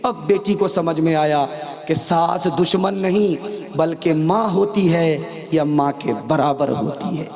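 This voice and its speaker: A man's voice: fairly high pitch, takes it slowly, a little mellow. A man preaching a sermon, telling stories and acting out the quotes of the people in them. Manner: storytelling with acted quotes. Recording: hall reverb, crowd audible.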